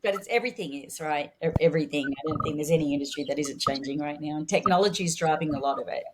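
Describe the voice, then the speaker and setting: Interview guest: woman, low-pitched, talkative, searching for words. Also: quick pace, background noise. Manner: chatty, restarts and searches for words. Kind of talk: casual interview chat.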